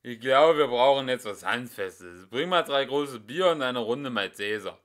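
A man voicing a drunken, boastful male minstrel in a storybook reading, shouting and blustering with sloppy, slurred speech. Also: mid-range voice, expressive, measured pace. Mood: loud. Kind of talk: audiobook character voice.

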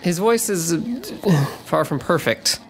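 Disgruntled late-20s temp in an audio sitcom, sarcastic, noisy background. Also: male voice, high-pitched, animated, takes it slowly, full character voice. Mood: earnest, scornful. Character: disgruntled, sarcastic twenty-nine-year-old male temp worker. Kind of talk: naturalistic audio sitcom acting. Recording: clear background noise.

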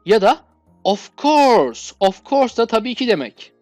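A woman with a Turkish accent teaching English requests, reading each English phrase slowly and clearly before explaining it. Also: on the high side, sing-song, a little mellow, no echo, soft background music.

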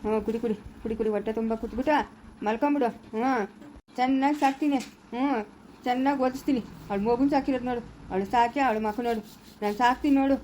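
A woman with a rural Kannada accent from the Chikkaballapura area plays a mother in a family drama. Her voice is high and mellow, and she talks quickly in a coaxing sing-song. A faint hiss of background noise sits under the recording. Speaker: mother character.

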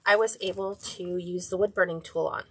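A woman's voice: fairly low pitch, fairly even intonation, moderate pace, breathy edge. A woman hosting a live-streamed wreath-making tutorial, chatting casually and greeting viewers by name as she works. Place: indoor craft table, overhead camera.

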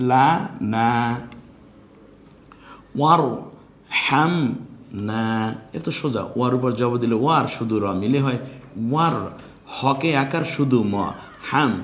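A man with a Bangladeshi Bengali accent teaching Quran recitation in a live online lesson, explaining patiently and drawing out example words. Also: mid-range voice. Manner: explains slowly, then draws out sung example words. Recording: echoey room with faint noise.

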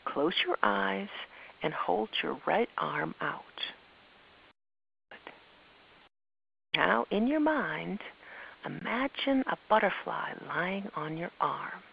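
Brief: a woman doing a kindly older woman, slow, soft and coaxing, with a gravelly texture on a dull recording. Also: mid-range voice, animated, voice pushed up, exaggerated voice. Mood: soothing. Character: gentle, wise older woman guiding a child. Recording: muffled with faint hiss.

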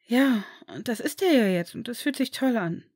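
A woman voicing a cheerful, protective young boy in a storybook reading, bright and chatty. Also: a little high, animated, moderate pace, dry recording, clean studio sound, pitched above the performer's own voice.

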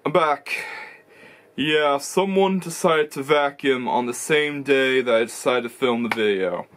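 A young man reviews racing videos in a casual vlog, talking to a camera or webcam in front of him in a small indoor room lined with toy shelves. His mid-range voice is fairly bright and a little slow, and he rambles and corrects himself as he explains things.

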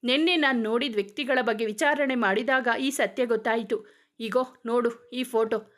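A woman's voice: on the high side, moderate pace, a bit bright, natural voice. A woman voicing a tough male police officer who interrogates suspects in a commanding, threatening way. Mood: stern.

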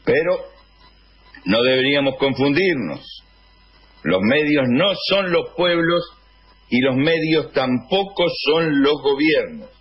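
Man, Argentine accent, radio host, husky voice, political editorial, deliberate pauses, slightly muffled radio sound. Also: a little high, lively intonation.

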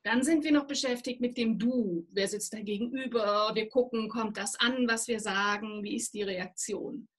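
A woman working as a voice and presentation trainer, explaining calmly and instructively in an interview. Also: a little high, moderate pace, hardly any pauses. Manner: calm, instructive, demonstrates breathing.

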